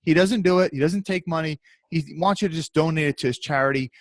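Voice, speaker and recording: A man's voice: a little high, fast talker, dry recording. A man hosting a casual sports podcast, teasing his co-hosts and talking over them. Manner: teasing, lively, talks over others. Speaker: podcast host.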